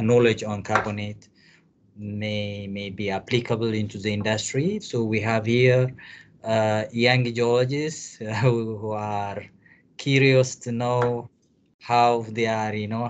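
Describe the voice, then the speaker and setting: A man hosting a lecture and introducing the guest speaker, pausing often on "uh" and "um". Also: on the low side, level tone, a little hiss or hum. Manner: halting, full of "uh" and "um" fillers. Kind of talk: formal introduction.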